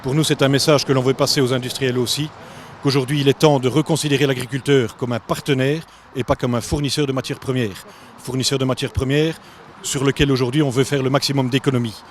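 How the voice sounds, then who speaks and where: A man speaks as a farm spokesman in a firm, measured, declarative way. His voice sits at a middle pitch, with faint background noise. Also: fairly even intonation. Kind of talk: statement to camera.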